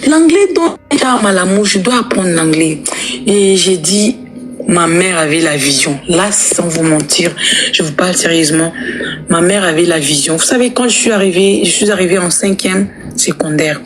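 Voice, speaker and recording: A woman's voice: fairly low pitch, moderate pace, crowd noise. A woman with a Congolese French accent chatting playfully to followers on a live stream, teasing and repeating words. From Democratic Republic of the Congo. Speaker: livestream host. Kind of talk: casual live chat with followers.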